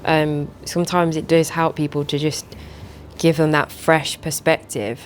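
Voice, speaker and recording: A woman's voice: sits low, little pitch movement, a little slow, slight background noise. A female police officer in a documentary interview, recounting a call casually and hedging her words often.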